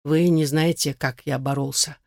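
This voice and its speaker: A reader of an audiobook voicing a weary, gently ironic immortal man who speaks softly and sounds worn out. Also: mid-range voice, fairly even intonation, moderate pace, vocal fry, no room sound, clean studio sound, lightly acted. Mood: weary, resigned.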